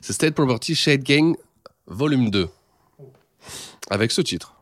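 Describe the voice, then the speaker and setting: A man's voice: mid-range voice, lively intonation, takes it slowly. A man co-hosting a casual radio-style chat, telling the story in an easy, rambling way full of fillers. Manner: storytelling, chatty, lots of fillers. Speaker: co-host. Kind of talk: casual hip-hop podcast chat.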